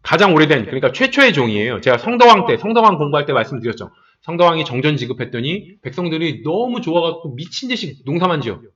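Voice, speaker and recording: Guy doing a history cram lecture, kinda high voice, dull lo-fi audio, bit far from the mic. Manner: lively and explanatory, acting out quick imagined dialogue. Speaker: history teacher. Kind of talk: exam-prep lecture.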